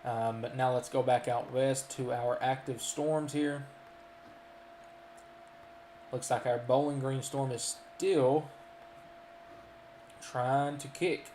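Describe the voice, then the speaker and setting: A man's voice: medium pitch, steady tone, takes it slowly, long pauses, dark tone, roomy sound, a little hiss or hum. Kentucky man giving live radar commentary. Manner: folksy, lists towns, frequent ums and uhs. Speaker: storm chaser and weather streamer.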